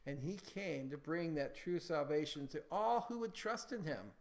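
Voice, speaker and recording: A man's voice: fairly high pitch, lively intonation, normal speed, darkish tone. A man preaching a sermon as pastor in a church, building emphasis and calling for amens. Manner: preaching with rising emphasis, calls for amen.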